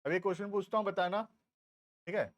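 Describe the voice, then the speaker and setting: A man's voice: high-pitched, steady tone, no room sound, highs cut off. Male teacher drawling key terms. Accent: Indian. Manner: explains slowly, asks checking questions, drawls key terms. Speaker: commerce teacher. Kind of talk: classroom lecture. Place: classroom.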